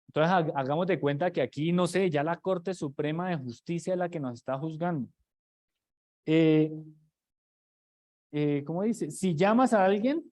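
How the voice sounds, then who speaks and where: Conversational preacher. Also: male voice, fairly high pitch, a little mellow. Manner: conversational, many restarts and rhetorical questions. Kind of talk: sermon teaching.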